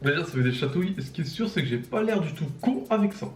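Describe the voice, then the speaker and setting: Animated young man in an echoey room. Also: fairly high pitch, fast, noisy background. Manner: animated, laughs often, reads captions aloud then mocks them. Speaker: YouTuber host. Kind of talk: casual reaction commentary.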